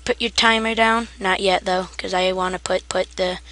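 A woman walks through a video game setup in a loose, half-asleep way. Her voice is bright with a gravelly edge, and she trips over words and laughs off her own mistakes. Keyboard typing sits behind her. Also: mid-range voice, steady tone, normal speed. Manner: sleepy, rambling, self-deprecating. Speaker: gaming tutorial maker. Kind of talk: casual game tutorial.

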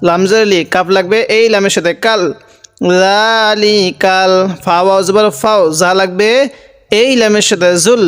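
A man teaches Quran reading in a slow recitation lesson, spelling out Arabic letters one at a time before chanting the words in a drawn-out way. His high-pitched voice is smooth, steady, and fairly quick, and the recording carries long hall reverb.

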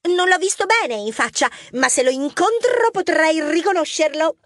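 A woman's voice: very high-pitched, animated, moderate pace, no echo, clean studio sound, pitched above the performer's own voice. A woman voicing an eager, chatty young girl mouse who saw the thief.

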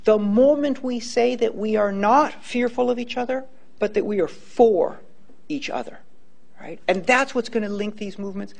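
A man's voice: sits high, moderate pace, vocal fry. A man in his fifties giving a public lecture and taking questions on a handheld microphone, earnest and emphatic, often repeating words as he starts a point. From Hawaii. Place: large lecture hall, indoors.

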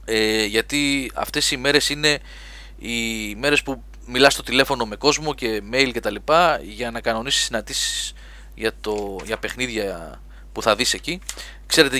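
Man, webcast host, bright forceful tone, dry close sound, lively chat. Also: mid-range voice, no echo. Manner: lively, reads listener chat aloud. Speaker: podcast host. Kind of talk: live gaming webcast chat.

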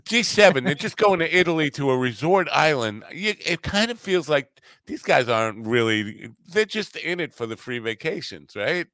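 Bright-voiced rambling male host. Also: fairly high pitch, very animated, moderate pace, few pauses, no echo. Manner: rambling, profane, joking. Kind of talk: casual panel chat.

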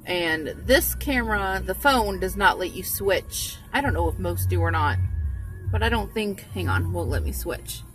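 A woman's voice: lowish voice, animated, moderate pace, far from the mic, poor audio. A woman in her thirties rambling casually to her phone camera from a parked car, with lots of ums and restarts. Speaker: vlogger. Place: parked car, windows closed. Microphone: phone held at arm's length. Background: faint radio music.

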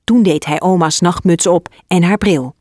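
A woman narrating a children's fairy tale in an expressive, scripted reading. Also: fairly low pitch, moderate pace, dry recording, clean studio sound.

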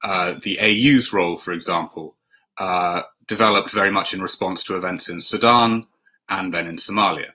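A middle-aged man from Finland moderating an online panel over a video call, measured and steady with frequent 'uh' and 'um'. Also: deep voice. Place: home room, indoors.

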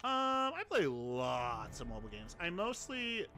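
Streaming a mobile game from his home room, this young man rambles casually into his headset and laughs at his own remarks. His high-ish voice swoops wildly in pitch, his pace is measured, and his tone is bright and forceful.

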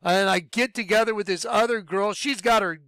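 A man's voice: high voice, normal speed, sharp tone, smooth, no room sound. A man earnestly telling his personal story as a religious testimony, often acting out what people said. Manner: earnest, acts out quoted dialogue.

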